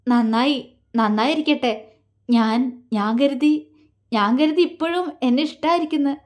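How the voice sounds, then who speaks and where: A woman's voice: sits high, a little slow. A woman voicing a heartbroken young woman in love, speaking in a faltering, tearful way.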